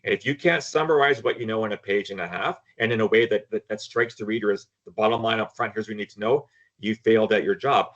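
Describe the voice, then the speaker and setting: An older Canadian man, a former intelligence analyst, speaks frankly and emphatically as a guest on a casual panel, repeating words as he starts. His voice is on the low side, fast, and fairly bright, though the recording is muffled.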